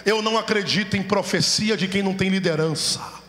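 A man preaching a sermon from the altar, animated, firing rhetorical questions and calling for amens. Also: high voice, brisk. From Brazil. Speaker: pastor preaching. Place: church sanctuary, at the altar. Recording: echoey church hall reverb.

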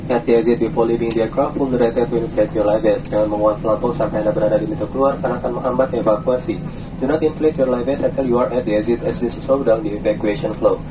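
A man with an Indonesian accent, a flight attendant reading a scripted safety announcement in a formal, recited way. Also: mid-range voice. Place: inside an airliner cabin. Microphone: cabin PA recorded from passenger seat. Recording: distant cabin PA, loud aircraft noise. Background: steady aircraft cabin noise.

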